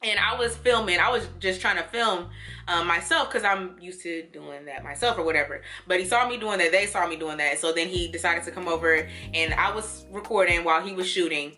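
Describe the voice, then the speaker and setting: A young woman chatting casually through a clothing try-on haul and storytime, animated and laughing as she talks. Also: lowish voice, a little fast, soft background music. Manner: chatty and animated, laughing and doing little quoted voices. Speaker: vlogger.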